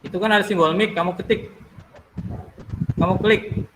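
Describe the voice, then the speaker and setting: A man's voice: high voice, steady tone, normal speed, a little hiss or hum, rough recording. A man teaching an online class over a video call, taking attendance and patiently coaxing students to unmute their mics.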